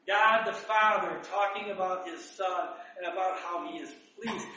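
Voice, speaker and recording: A man giving a chatty Bible teaching, asking rhetorical questions and reading verses slowly. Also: high voice, pushed and bright. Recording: roomy echo, distant mic.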